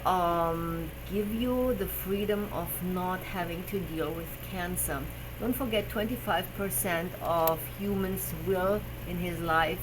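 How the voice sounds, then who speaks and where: Her voice sits on the low side, and there's background noise as she streams live. A German-accented personal trainer, she chats casually about health, filling pauses often while reaching for English vocabulary.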